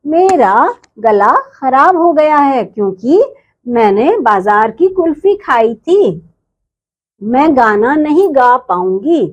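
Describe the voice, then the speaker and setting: A woman's voice: high voice, big pitch swings, slow, dull audio, exaggerated voice. A woman voicing a young schoolgirl who pleads in simple, childlike words while reading a story aloud. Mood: sorry. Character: young schoolgirl, stubborn then sorry.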